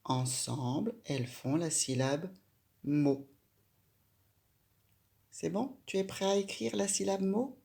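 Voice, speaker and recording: A woman's voice: lowish voice, expressive, takes it slowly, creaky, pauses often, mellow, husky. A woman giving a patient, step-by-step handwriting lesson, speaking directly to a young child with simple instructions. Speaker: handwriting teacher.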